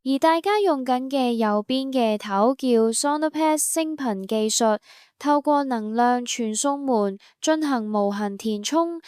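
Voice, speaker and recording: A woman reading a scripted instructional voice-over for a beauty salon, in an even, promotional step-by-step manner. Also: a little high, clear, resonant tone, no echo, clean studio sound.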